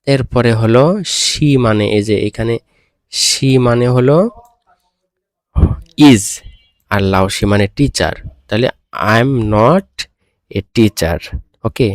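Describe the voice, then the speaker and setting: A man's voice: medium pitch, slow pace, long pauses, no room sound. A man teaching a beginner language lesson, patiently explaining words and checking that students follow. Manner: patient, repeats and checks understanding.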